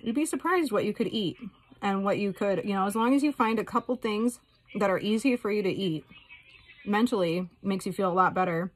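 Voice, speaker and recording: A woman's voice: mid-range voice, a little fast, poor audio. Chatty, candid woman vlogger. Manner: rambling, candid, informal. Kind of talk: casual chatty vlog.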